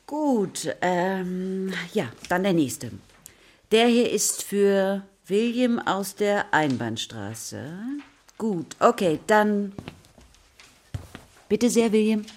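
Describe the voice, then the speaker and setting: A woman with a husky, medium-pitched voice portrays an encouraging, patient teacher in a German radio play for children, teaching her class through questions. She speaks in a sing-song way, drawing out words, with a slightly mellow sound and a little hiss or hum.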